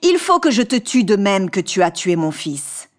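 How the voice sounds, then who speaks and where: A woman's voice: mid-range voice, sing-song, moderate pace, natural voice. Woman reading as a giant old genie, stern, relentless, merciless, storybook.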